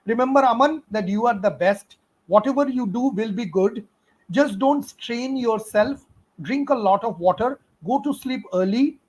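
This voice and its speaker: Recorded with dull audio, a middle-aged man with a very high voice speaks at a moderate pace in Indian English. As a physics teacher on a live stream, he responds to students' questions in an encouraging, fatherly, chatty way, laughing and using fillers often.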